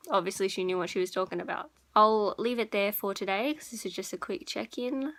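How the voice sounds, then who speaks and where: A woman's voice: mid-range voice, fairly bright tone. A young woman vlogger chatting informally to her viewers, rambling a little and correcting herself as she goes. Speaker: beauty and lifestyle vlogger. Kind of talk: casual chat to viewers.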